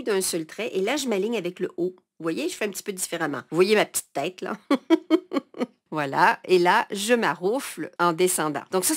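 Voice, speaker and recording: A woman teaching a hands-on craft tutorial. She talks through each step as she works, with lots of energy and easy laughter. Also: lowish voice. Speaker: crafting instructor. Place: at a work table.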